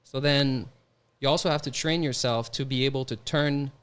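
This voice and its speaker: A man's voice: medium pitch, normal speed, smooth. A French Canadian man with a Quebec accent, a hockey player answering interview questions in a thoughtful way. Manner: thoughtful, many restarts and fillers.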